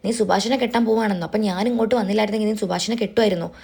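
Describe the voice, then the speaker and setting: A woman reads out a controlling middle-aged mother from a TV serial, scolding and pressuring her grown daughter. She talks at a very fast clip, with the everyday pitch of the narrator who puts her on. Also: fairly even intonation, vocal fry, darkish tone, slightly rough. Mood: angry, scolding.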